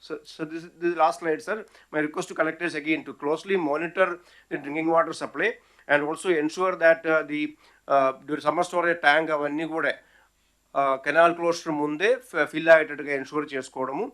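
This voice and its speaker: Very fast-talking Telugu-accented official. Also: male voice, on the high side, steady tone, a bit bright. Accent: Telugu-accented English. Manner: rushed, clipped delivery. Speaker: government official presenting. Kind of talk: formal briefing mixing Telugu and English.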